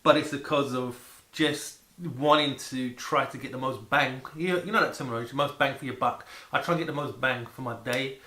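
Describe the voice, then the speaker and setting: Bright-voiced man in an echoey room. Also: medium pitch, a little fast, few pauses. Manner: animated, exclamatory, repeating words for emphasis. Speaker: vlogger presenting food to camera. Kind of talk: casual rambling food chat to camera. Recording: echoey room with faint background noise.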